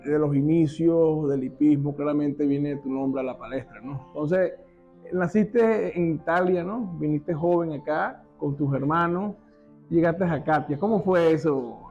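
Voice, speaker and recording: Host guy, slightly high voice, asks friendly questions, faint music. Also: moderate pace, darkish tone, muffled recording. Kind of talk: interview.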